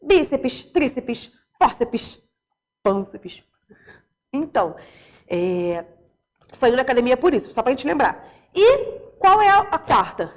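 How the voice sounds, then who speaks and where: A woman teaching a recorded school Portuguese lesson with a Brazilian accent, explaining in a lively way and asking rhetorical questions. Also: sits high, moderate pace, pauses often.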